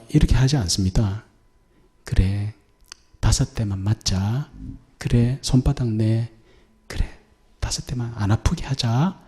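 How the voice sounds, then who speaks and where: A middle-aged male pastor delivering a Sunday sermon in a church. His voice is mellow and warm at an ordinary pitch. He preaches earnestly and at times sinks into a hushed whisper to press a point home. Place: church sanctuary.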